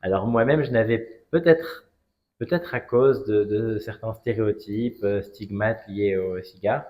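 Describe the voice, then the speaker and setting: As a guest in a conversational interview, a French cigar brand ambassador from Strasbourg, aged in his forties, relates a personal story. He pauses frequently and phrases things hesitantly but carefully, in a fairly low, slightly mellow voice.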